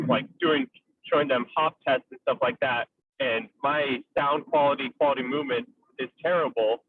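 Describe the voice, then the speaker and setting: Young man on a car speakerphone. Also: medium pitch. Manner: rambling, many filler "like"s. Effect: car speakerphone call. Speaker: caller. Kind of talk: casual question to the guests. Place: in a moving car. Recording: tinny distant phone line.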